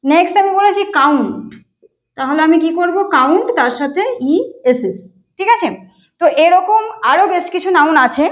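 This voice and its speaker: A woman teaching an exam-prep grammar lesson, explaining step by step and spelling words out letter by letter. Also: high-pitched. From Bengal. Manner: explains step by step, often says "ঠিক আছে".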